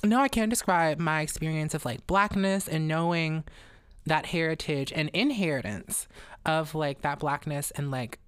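A young adult woman talking casually on a podcast, animated and slangy, laughing often. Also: deep voice, a little slow, clear, resonant tone, dry recording, studio quality. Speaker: podcast guest.

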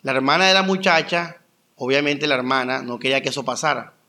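A young adult man preaching a conversational sermon, telling stories with lively rhetorical questions. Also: mid-range voice, brisk. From Colombia. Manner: animated storytelling with rhetorical questions. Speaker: pastor.

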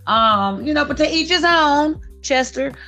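Hosting a casual podcast conversation, a woman in her late forties uses a high, animated, bright voice with a forceful tone, unhurried in pace. She's blunt and repeats points for emphasis, recorded in dull lo-fi audio with music behind.

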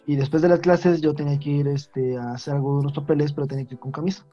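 A young man rattles off an everyday story at a rapid clip. His voice is mellow and slightly high for a man, heard through dull, lo-fi audio with faint music behind. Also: steady tone. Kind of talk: casual chat.

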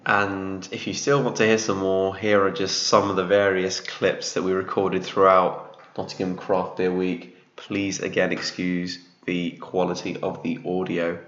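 A man hosting a podcast reads a slow, flat outro, heard as if from a worn tape copy that sounds slowed down and deep. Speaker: podcast host. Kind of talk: scripted outro voice-over. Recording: roomy, dull lo-fi tape.

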